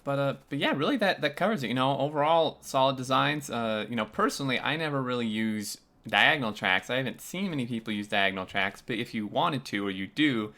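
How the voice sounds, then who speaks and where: Bright-voiced man hosting a game review. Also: medium pitch, fairly quick, hardly any pauses. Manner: relaxed, many uh fillers. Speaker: host. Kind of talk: casual gameplay review chat.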